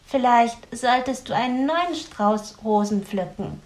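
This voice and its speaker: A woman voicing a cheerful, curious young female helper who talks in a bright, playful way. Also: a little high, lively intonation. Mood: apologetic, helpful. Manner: bright, playful, quick to laugh.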